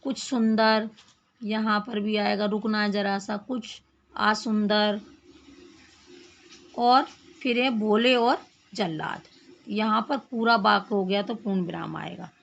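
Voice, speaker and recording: Slow, gravelly-voiced woman teacher. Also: medium pitch, fairly even intonation, muffled recording, a little hiss or hum. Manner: explains slowly, repeats phrases, asks rhetorical questions. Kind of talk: Hindi grammar lesson.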